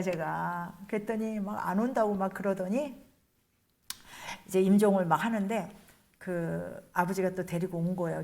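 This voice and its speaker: A woman's voice: medium pitch, gravelly, darkish tone. Nun lecturing, chatty storyteller voice, slips into the voices of people she quotes. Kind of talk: spiritual lecture told as a personal story.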